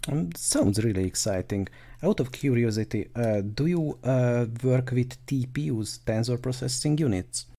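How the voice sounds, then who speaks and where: A man's voice: mid-range voice, normal speed, dark tone. A man hosting a podcast interview, speaking with a hesitant manner and many fillers. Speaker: podcast host.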